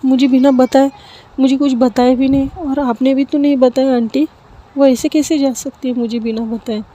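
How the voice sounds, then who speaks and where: A woman's voice: sits high, monotone, a little slow, dark tone, pitched above the performer's own voice. A woman voicing a hurt teenage girl who pleads through tears, her words catching and breaking.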